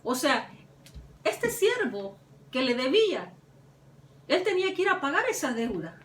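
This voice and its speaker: A woman's voice: sits high, sing-song, measured pace, a bit bright, slight background noise. A woman preaching a sermon with fervor, her voice climbing on the words she stresses. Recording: echoey room, mic at a distance.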